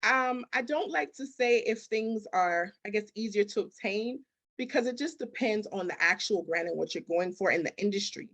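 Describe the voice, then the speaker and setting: This woman's mid-range voice has a lively lilt and a fairly bright tone at a normal speed. She's the interview guest, a business consultant and grant specialist, talking with emphasis in a conversational exchange full of rhetorical questions and dramatized lines.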